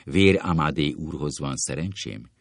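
A man's voice: very deep voice, lively intonation, creaky, dry recording, studio quality, exaggerated voice. A man doing a menacingly polite husband. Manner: slow, emphatic courtesy.

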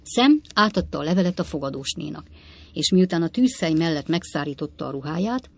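A woman narrating a classic novel as an audiobook in a measured, expressive storytelling manner, with a husky voice. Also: deep voice.

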